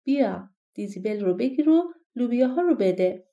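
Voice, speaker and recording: A woman voicing Jack, a carefree and hopeful young boy in a storybook, eager and quick to protest. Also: a little high, animated, warm tone, dull audio. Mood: excited.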